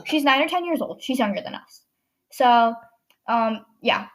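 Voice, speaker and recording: Fairly high-pitched and animated, a teenage girl with a blocked nose tells a story on her podcast at a measured pace. The monologue is casual and meandering, full of fillers and moments where she corrects herself.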